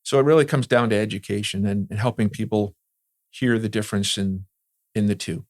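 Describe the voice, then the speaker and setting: A man answers interview questions as a seasoned expert in security and communications, explaining conversationally and repeatedly asking "right?". His lowish, darkish voice keeps a fairly even intonation at a brisk pace, captured in studio quality with no echo.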